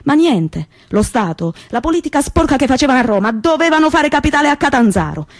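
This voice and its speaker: An actress with a Calabrian accent playing a young woman from Reggio, telling her memories in a lively, colloquial theatrical monologue. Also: high-pitched, quick pace, dry recording, studio quality. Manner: lively storytelling, repetitive and colloquial.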